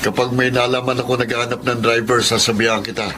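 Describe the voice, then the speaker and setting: A man playing a helpful gentleman of a wealthy family in a Filipino radio drama, casual and matter-of-fact. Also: mid-range voice, little pitch movement, fast talker, close to an everyday voice. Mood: casual concern. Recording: clear background noise and ambience.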